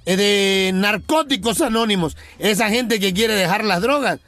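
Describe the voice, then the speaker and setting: A man on a radio show setting up a joke in a plain, deadpan way. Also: high-pitched, unhurried, no room sound.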